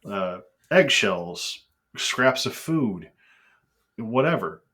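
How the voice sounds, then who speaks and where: A man's voice: on the low side, big pitch swings, extremely slow, pushed and bright. A man in a casual podcast conversation, talking in an earnest, reflective way.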